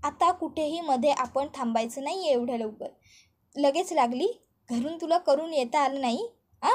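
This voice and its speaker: An insistent young man from a family serial, read by a woman. The delivery is brisk and firm, in a plain storybook way. The voice stays high throughout. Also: a little mellow, lightly acted.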